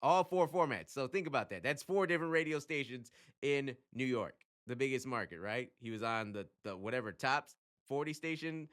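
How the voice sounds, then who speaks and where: A music radio commentator hosts his own channel, giving a casual explainer to camera in a bright, forceful voice with a clean, smooth tone at medium pitch. He's conversational, emphatic and animated at a normal speed, dotting his points with rhetorical questions and short check-ins.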